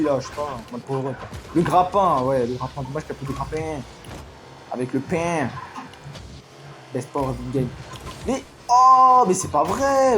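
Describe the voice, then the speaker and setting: An excitable player talks through a match as it happens. The voice leaps up and drops back down, going from low asides to sudden cries. Soft game music plays faintly behind. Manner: excitable, swings from low mutters to loud outbursts. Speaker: gaming commentator. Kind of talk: live gameplay commentary.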